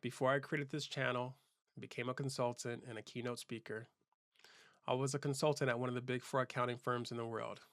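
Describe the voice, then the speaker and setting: A man's voice: mid-range voice, a bit bright, dry recording, studio quality. Earnest man telling his life story. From Southern California. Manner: earnest, reflective, with frequent restarts. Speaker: keynote speaker and channel host. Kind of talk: personal storytelling monologue.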